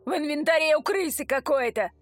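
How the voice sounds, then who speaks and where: A woman's voice: high-pitched, lively intonation, measured pace, dry recording. Woman doing a bellowing tearful thug businessman. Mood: raging. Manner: bellowing, tearful, prison slang. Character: burly sobbing businessman, ex-convict gamer, man.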